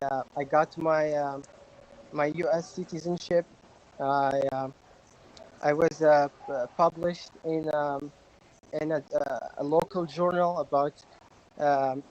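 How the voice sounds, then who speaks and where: A young man from Morocco introducing himself on a livestream, hesitant with many pauses. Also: fairly high pitch, darkish tone, highs cut off. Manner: hesitant, many fillers and restarts. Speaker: livestream guest. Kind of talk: casual self-introduction.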